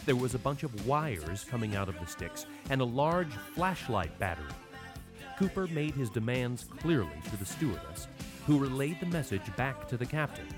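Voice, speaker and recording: A man narrates history as a podcast host, dramatic and irreverent. His medium-pitched voice swings widely in intonation, and music plays clearly behind him. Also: big pitch swings, normal speed. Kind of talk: scripted history storytelling narration.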